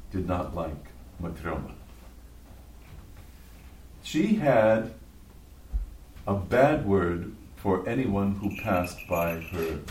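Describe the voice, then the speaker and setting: Slow, deliberate preaching man. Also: lowish voice, a little hiss or hum. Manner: slow, deliberate, animated storytelling. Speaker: bishop. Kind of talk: sermon storytelling. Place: church. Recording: echoey church from far off.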